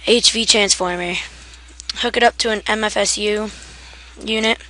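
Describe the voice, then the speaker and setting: A woman's voice: medium pitch, fairly even intonation, a little slow, pushed and bright. A woman giving a casual, rambling game tutorial, half asleep and self-deprecating, with keyboard typing behind her. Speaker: gaming tutorial maker.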